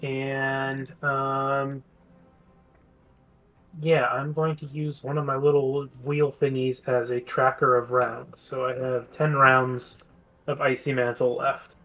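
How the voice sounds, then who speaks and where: A man's voice: medium pitch, level tone, takes it slowly, fairly bright tone, faint music behind, poor audio. A man playing a tabletop game, thinking aloud as he plans his turn and explains the rules. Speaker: player.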